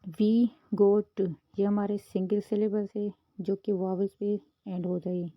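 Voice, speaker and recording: A woman, the host of her own channel, who explains a grammar lesson in a steady, patient way and mixes English terms into her Hindi. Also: medium pitch, moderate pace, no room sound, dull audio. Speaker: teacher.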